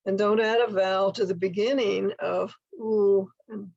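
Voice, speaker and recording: An older woman teaching in a slide presentation, speaking slowly and enunciating carefully as she models speech sounds step by step. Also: medium pitch, fairly even intonation, gravelly, darkish tone, no echo, muffled recording. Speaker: workshop instructor for literacy tutors. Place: indoor room at home, video call.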